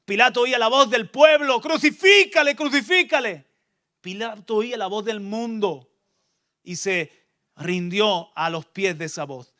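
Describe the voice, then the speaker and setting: A man's voice: sits high, a little slow, sharp tone. A man preaching a sermon, emphatic, acting out contrasting voices with bursts of intensity. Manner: emphatic, voices opposing sayings with rising intensity.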